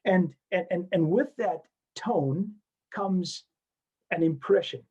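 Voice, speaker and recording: A man from Zimbabwe, an interview guest, talking in an animated and reflective way with many asides. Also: high-pitched, slow pace, slightly rough, muffled recording. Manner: animated, reflective, talks in long chains with many "you know"s. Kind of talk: casual interview chat.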